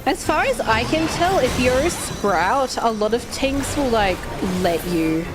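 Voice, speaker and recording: Over background music and a rough recording, a slightly high female voice with lively intonation speaks at a measured pace. She's an Australian gamer on a livestream, rambling casually and swearing now and then, sounding a touch hoarse and worn.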